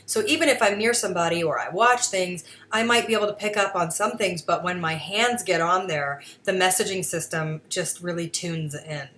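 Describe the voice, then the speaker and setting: A woman's voice: fairly low pitch, moderate pace, hardly any pauses, sharp tone, slight background noise. A woman hosting her own podcast segment, talking earnestly in a rambling, casual way with many fillers and restarts. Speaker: podcast host. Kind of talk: casual solo commentary.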